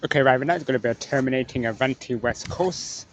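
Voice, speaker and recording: A man's voice: medium pitch, quick pace. A man giving casual running commentary on a railway platform, reading out train numbers as a spotter. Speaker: trainspotting video maker. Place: outdoors on railway station platform. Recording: dull sound, clear train noise.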